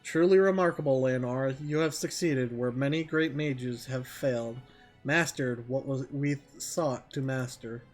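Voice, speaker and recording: A man's voice: mid-range voice, a little slow, soft background music, lightly acted. Man playing a solemn, remorseful old mage. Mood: weary, relieved. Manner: grave, formal archaic confession. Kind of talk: reading game dialogue aloud in character.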